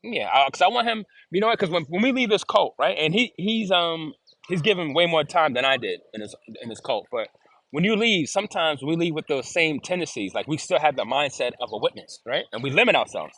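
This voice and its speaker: Earnest man repeating himself, slightly high. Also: animated, brisk, pushed and bright. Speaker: interview guest. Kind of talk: casual video-call chat.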